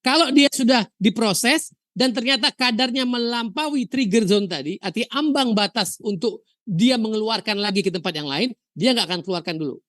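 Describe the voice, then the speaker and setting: A woman from Indonesia teaching a university histology lecture, telling lively stories, asking rhetorical questions and dropping in English terms. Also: fairly high pitch, normal speed, no echo, clean studio sound. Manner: mixes English terms into explanation.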